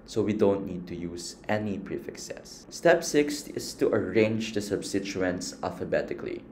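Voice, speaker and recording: A man's voice: sits low, darkish tone, a little hiss or hum. A man patiently explaining a chemistry lesson step by step and counting items aloud. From Philippines. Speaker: chemistry teacher.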